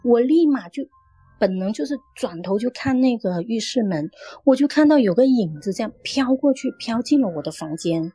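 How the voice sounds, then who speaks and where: Husky woman from recounting a ghost encounter. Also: on the high side, animated, warm tone. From Guangdong, China. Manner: earnest, halting storytelling. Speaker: caller sharing a story. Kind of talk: first-person ghost story telling.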